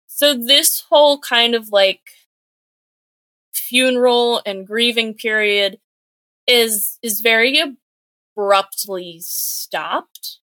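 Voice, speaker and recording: Young female co-host, bright forceful tone, loose filler-heavy recap style, dead-dry recording. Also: a little high, no room sound. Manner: chatty, filler-heavy retelling with quick acted-out quotes. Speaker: podcast co-host. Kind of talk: casual chat recapping a comic book.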